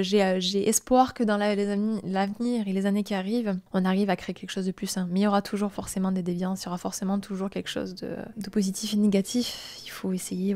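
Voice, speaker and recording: A woman in her late twenties hosting a live-streamed self-help talk, speaking softly and gently, sometimes dropping to a near-whisper, with many reflective hesitations. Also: mid-range voice. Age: late 20s. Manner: soft and gentle, drops into a near-whisper at times.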